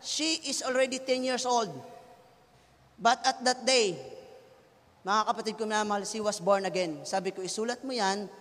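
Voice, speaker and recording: A Filipino pastor in his thirties, preaching with a very high, bright and forceful voice. He moves between soft, low passages and loud shouts. His voice rings with long reverb, as in a big church hall. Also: little pitch movement, moderate pace, pauses often. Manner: switches between Tagalog and English, swings from hushed to shouting. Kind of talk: sermon.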